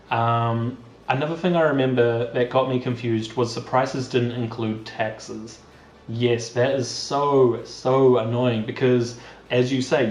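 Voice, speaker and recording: A man's voice: mid-range voice, a little hiss or hum. A young man with a New Zealand accent, chatting casually and laughing easily as he reads out viewer comments for his vlog. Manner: chatty and relaxed, laughs easily, frequent fillers. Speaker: YouTuber reading viewer comments. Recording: roomy room sound with faint music. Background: faint background music.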